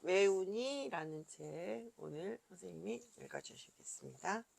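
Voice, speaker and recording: A woman's voice: on the low side, animated, measured pace, creaky, a little mellow. A woman hosting a children's radio show, asking a guest author curious questions and responding with short acknowledgments. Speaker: radio host. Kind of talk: interviewing a guest.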